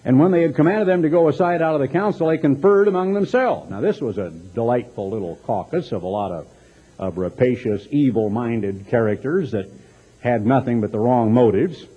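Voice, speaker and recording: Preaching with a Texas accent, a man moves between scripture reading and emphatic, dramatic commentary, asking rhetorical questions and adding mocking asides. His mid-range voice is slightly rough and animated, at a moderate pace. It is a dull, lo-fi sermon recording.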